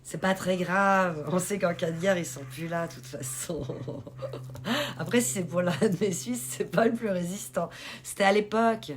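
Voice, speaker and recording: A woman's voice: lowish voice, a little slow. A woman hosts a casual live stream, chatting and laughing with her viewers. Her talk is loose and friendly, and she reacts to the chat as she goes. A faint noise sits behind her voice. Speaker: livestream host.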